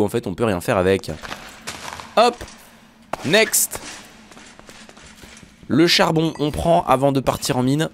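Lively, chatty French gamer man. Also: fairly high pitch, slight background noise. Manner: chatty, jokey, talks straight to viewers; yelps when startled. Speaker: Minecraft YouTuber. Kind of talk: casual gameplay commentary.

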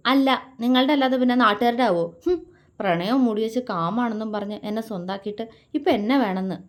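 A woman's voice: a little high, fast talker, lightly acted. A woman voicing a tearful young wife in a romance story, stammering and sulking as she holds back tears. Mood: sulky. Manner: stammering, sobbing, sulky.

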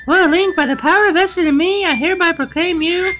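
A man reading game dialogue in a high falsetto as a bossy, sly young princess, tossing in swearing asides. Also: fairly quick, over music. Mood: playful regal.

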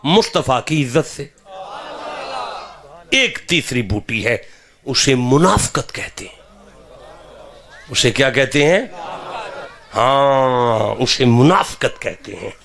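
A man with a Pakistani Punjabi accent preaches to a live gathering in a high, bright voice. His pitch swings widely as he questions the listeners, then rises into fervent shouting. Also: creaky. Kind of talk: impassioned religious sermon.

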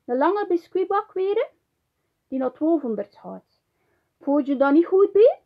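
A chatty Flemish woman teaches a pottery class in a high, bright-toned voice. She talks loosely and keeps checking in with a quick "hè" after almost every phrase. The sound is a bit dull and lo-fi. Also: animated. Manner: chatty, tags nearly every sentence with "hè". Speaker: ceramics teacher. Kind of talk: hands-on pottery tutorial.

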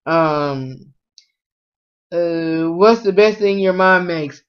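A man's voice: high-pitched, very slow, clean tone. A young man, chatting casually at home as he reads out food questions and answers them with lots of fillers, recorded on a close webcam. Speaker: vlogger. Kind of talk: casual food tag vlog. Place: small room at home, indoors. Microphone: webcam at close range. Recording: dull lo-fi webcam audio.

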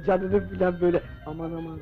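An actor in an old film playing a boisterous, excitable young man at a tavern. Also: high-pitched, over music. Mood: rowdy. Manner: boisterous, rapid, hollering. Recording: dull old film soundtrack.

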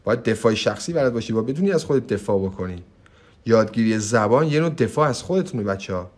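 A young man teaching English online in a livestream. He talks in a brash, hyped way, swears freely, and drops in slow, emphatic English phrases. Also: fairly low pitch, animated. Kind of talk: energetic livestream pitch and Q&A.

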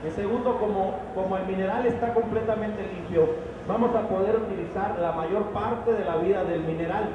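A middle-aged man with a fairly high voice leads a live sales demonstration, talking into a handheld mic. His words bounce around a big roofed expo hall and reach the camera from far off, with a steady hum of noise behind him. He explains each step and keeps checking that the crowd is following. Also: moderate pace, dull audio. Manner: explanatory, asks the crowd frequent checking questions. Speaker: product demonstrator. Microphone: handheld microphone.

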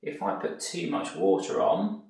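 A man, an art tutor, explaining painting steps in a relaxed way as he works. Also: high voice, measured pace, vocal fry, distant mic. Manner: relaxed, explanatory, thinking aloud while painting. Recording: very echoey room, off-mic.

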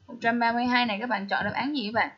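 A woman's voice: a little high, fairly even intonation, rapid-fire, noisy background. A woman teaching English through a test walkthrough, often asking her listeners questions. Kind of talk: TOEIC test walkthrough lesson. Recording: slightly dull lo-fi audio.

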